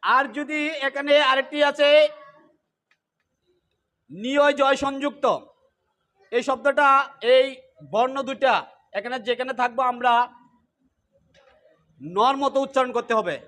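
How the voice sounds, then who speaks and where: Man, very high voice, bright and forceful, pronunciation lesson, step-by-step explanation, repeats example words. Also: measured pace, long pauses. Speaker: teacher of Gita recitation.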